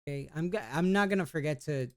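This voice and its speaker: A YouTuber in a casual vlog, speaking fast in a slightly high male voice, reads test questions aloud and answers them. His talk is laid-back and slangy, rambling and hesitant, full of restarts and trailing off.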